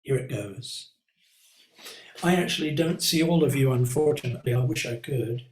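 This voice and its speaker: A man's voice: mid-range voice, normal speed, reverberant, poor audio. A male art teacher leading a live online painting class, talking in a reflective, conversational way with many ums and little asides. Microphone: computer mic on a video call.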